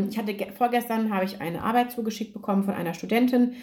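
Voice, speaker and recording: Talking fairly quickly in a fairly high voice, a woman runs a solo podcast as an academic writing coach. She's relaxed and filler-heavy, and her throat sounds a little hoarse.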